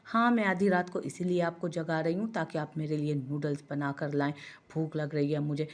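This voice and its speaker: A woman's voice: sits low, steady tone, normal speed, close to an everyday voice. A woman voicing a pregnant young wife who insists and whines to get her way. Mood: demanding. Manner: insistent, whiny.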